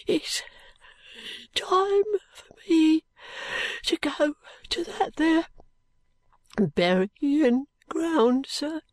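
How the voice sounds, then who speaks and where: A woman voicing a weak, dying street boy who talks in dialect with faint, halting whispers. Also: high-pitched, big pitch swings, a little mellow, no echo, pitched above the performer's own voice, heavily acted. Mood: feeble. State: weak and breathless.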